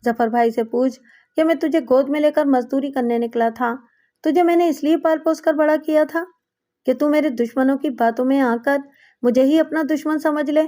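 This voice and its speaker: A woman's voice: sits high, warm tone, lightly acted. A woman voicing a hot-tempered, tormented young man in an audiobook, reading his lines with impassioned pleading. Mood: anguished.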